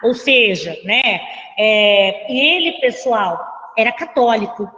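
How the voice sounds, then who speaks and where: A Brazilian literature teacher, a woman with a slightly high voice, lectures at an unhurried pace, padding her explanations with tag questions. Her voice rings with a long reverb in the room. The sound is dull, as on a computer mic. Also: expressive, pushed and bright. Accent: Brazilian Portuguese. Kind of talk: online class lecture.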